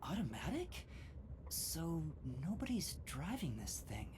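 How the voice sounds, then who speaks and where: A quiet, curious game protagonist with a low voice whose pitch moves a lot. Clear noise and ambience sit behind her lines. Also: big pitch swings, measured pace. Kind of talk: scripted video game dialogue. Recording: noisy, with ambience.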